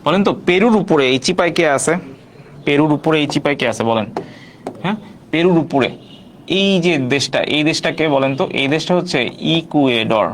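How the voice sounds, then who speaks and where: A man's voice: a little high, normal speed, a little hiss or hum. Male teacher repeating quiz questions. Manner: repeats questions, prompts viewers to answer. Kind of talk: online quiz class.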